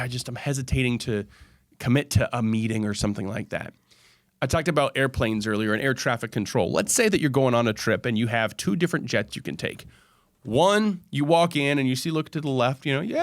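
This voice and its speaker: Brief: male radio host, folksy and animated, middle pitch, dry close sound. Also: no echo. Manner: animated, folksy explainer with quick asides. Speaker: radio show host, financial advisor. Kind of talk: casual radio talk show chat.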